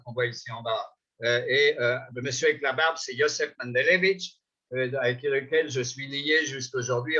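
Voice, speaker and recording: A man's voice: fairly high pitch, sharp tone. An older man with a French accent, telling his life story in a lecture, conversational and full of hesitations. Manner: conversational, many hesitations and restarts. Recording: dull lo-fi recording.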